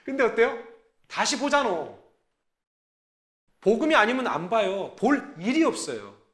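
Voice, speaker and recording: Animated preaching man, bright, in an echoing hall. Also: extremely high pitch, a little slow. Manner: animated, conversational preaching with acted-out quotes. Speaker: pastor. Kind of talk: sermon. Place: church sanctuary.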